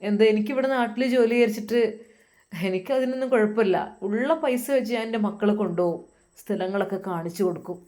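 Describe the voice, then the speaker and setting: A woman with a Malappuram Malayalam accent voicing a gentle, religious young husband who steadily reassures his wife. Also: mid-range voice, fast talker, lightly acted. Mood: firm. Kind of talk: storytelling voice acting.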